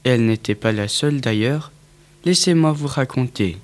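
A man voicing a gentle grandmotherly hen who tells bedtime stories in a children's audiobook. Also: medium pitch, moderate pace, background noise, lightly acted.

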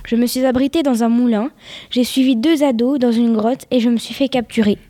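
A woman's voice: fairly high pitch, steady tone, brisk, dark tone, dry recording, natural voice. A woman reading the lines of a young male caretaker who has been captured, in her own plain voice.

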